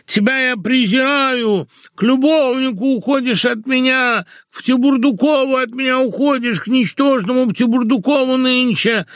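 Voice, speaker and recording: A man's voice: fairly high pitch, moderate pace, hardly any pauses, no echo, studio quality, voice pushed up, lightly acted. A man voicing a self-pitying middle-aged husband who wails and drawls through his nose in grand declamation. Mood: wailing. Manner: nasal, drawling, wailing declamation.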